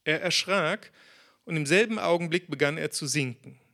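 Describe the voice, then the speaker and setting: A man preaching a sermon in a conversational, lively way, acting out quotes as he tells the story. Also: on the high side, normal speed, vocal fry.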